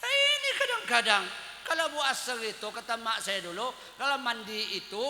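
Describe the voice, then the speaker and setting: High, bright-voiced man preaching in an echoey hall. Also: moderate pace, a little hiss or hum. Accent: Lampung Indonesian. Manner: animated, swings between loud outbursts and low asides, acts out quoted voices. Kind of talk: humorous sermon. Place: community gathering hall. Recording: echoey hall with long reverb.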